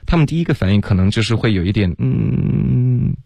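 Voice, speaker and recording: A man with a fairly low voice teaches pronunciation on a radio lesson. He explains patiently and stretches words out slowly to demonstrate them. The sound is close and dry, with no room behind it. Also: lively intonation, darkish tone, no echo. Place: radio studio.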